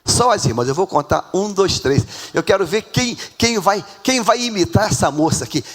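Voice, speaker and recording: A Brazilian pastor preaching with a Brazilian Portuguese accent in a high voice that leaps around wildly. He swings between hushed asides and loud cries and calls out to people in the pews by name. His voice rings with the long reverb of a church hall. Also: lively intonation, moderate pace. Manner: calls on congregation members by name. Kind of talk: sermon. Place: church sanctuary.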